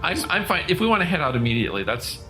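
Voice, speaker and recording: A man's voice: a little high, very animated, very fast, pushed and bright, soft background music. A man playing a tabletop game, casually discussing plans in a questioning, hesitant way.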